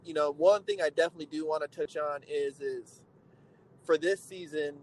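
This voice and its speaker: Hyped slangy man, fairly high voice. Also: steady tone, normal speed, a little hiss or hum, poor audio. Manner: hyped, slangy, lots of filler phrases. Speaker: interviewer, host. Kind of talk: casual interview chat.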